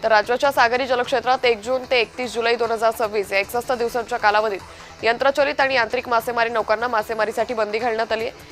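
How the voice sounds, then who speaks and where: A woman news anchor reads a rapid headline bulletin at a raised pitch, brisk and even in delivery, over a faint music bed.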